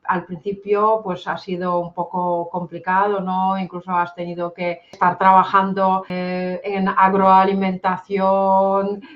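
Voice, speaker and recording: A woman in her forties with a Spain Spanish accent, hosting an interview and introducing her guest, talking haltingly with many fillers. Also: mid-range voice. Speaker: host. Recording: dull lo-fi sound.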